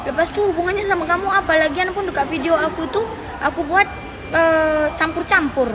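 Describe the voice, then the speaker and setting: A woman's voice: very high voice, fairly quick. A woman with a Malay-tinged Indonesian accent ranting back at a critic, indignant and retorting. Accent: Indonesian with Malay influence. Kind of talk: reply video rant. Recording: outdoors with busy crowd and street noise.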